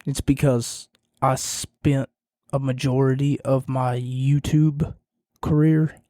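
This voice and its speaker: This solo podcaster speaks low and quiet, rambling slowly and self-deprecatingly through a casual recap. His voice is hoarse, fading, dark, and mellow, kept to a monotone. The close recording has no room sound.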